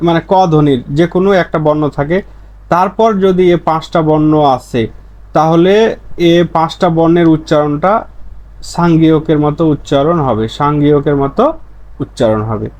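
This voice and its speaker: A man with a somewhat high voice teaches a pronunciation lesson. He is patient, repeats each example slowly, and asks himself questions before answering them. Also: darkish tone. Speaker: language teacher.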